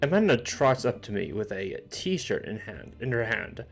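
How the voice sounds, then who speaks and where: A man co-streamer reading game narration aloud in a plain, steady way. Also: mid-range voice, moderate pace, gravelly, soft background music.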